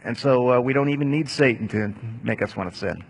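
A man teaching Bible lessons, answering audience questions in a measured, explanatory way. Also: medium pitch, slightly rough.

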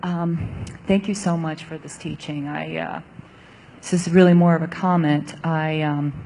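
A woman's voice: sits low, steady tone, a little slow, mellow, a little hiss or hum. A woman from Taiwan, an audience member sharing a personal testimony, hesitant with many fillers.

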